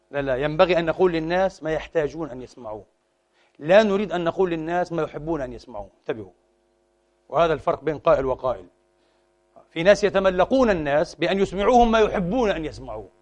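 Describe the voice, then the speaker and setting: Fast, high-voiced preacher. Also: male voice. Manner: animated, mixes formal Arabic with colloquial dialect, acts out quoted voices. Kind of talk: sermon.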